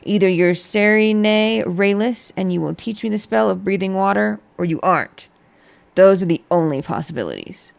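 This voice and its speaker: Girl reading storybook smuggler guy, stiff n demanding, impatient, creaky voice. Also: medium pitch, fairly quick, few pauses, a little mellow, close to an everyday voice. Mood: stiff, indignant. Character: stiff, proud, impatient male smuggler seeking magic. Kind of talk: storybook read aloud.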